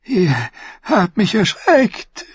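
Squeaky fussy eunuch, nervous and simpering, husky edge. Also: male voice, very animated, extremely slow, dry recording, muffled recording, heavily acted. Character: simpering high-voiced eunuch spymaster, nervous. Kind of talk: audiobook character voice.

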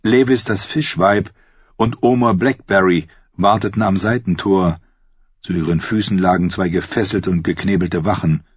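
A man narrating a fantasy audiobook in a measured storytelling manner. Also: sits low, steady tone, breathy edge, no echo. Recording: dull dry audiobook recording.

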